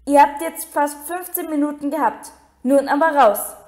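A woman reading a strict brisk nurse. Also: high voice, lively intonation, reverberant. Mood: firm. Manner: firm, curt.

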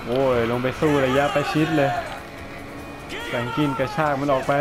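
A man talks his way through a game in loose, crude banter, pausing to dub the characters as he plays. His voice sits in an ordinary middle pitch, and he laughs easily as he goes. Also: level tone, over loud music. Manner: casual, crude, laughing while translating dialogue. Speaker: gaming channel host. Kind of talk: let's play commentary with live dubbing.

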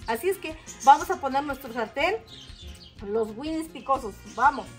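A middle-aged woman with a high-pitched voice talks viewers through her cooking step by step. She is casual and homely, speaking in an outdoor kitchen with music behind her. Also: animated, moderate pace. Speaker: host of a home cooking video. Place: outdoor covered backyard kitchen.

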